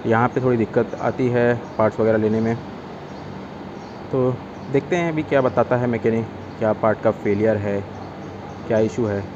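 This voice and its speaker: A man talking casually to viewers in a vlog, loud and playful when speaking to his child. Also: mid-range voice, highs cut off, background noise. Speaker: vlogger.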